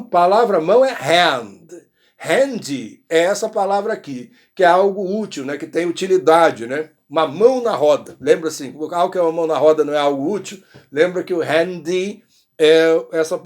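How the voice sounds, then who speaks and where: A man with a Brazilian accent, teaching an English lesson and sounding out model phrases slowly, with frequent check-ins. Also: on the high side, darkish tone. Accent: Brazilian Portuguese. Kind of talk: explanatory language lesson.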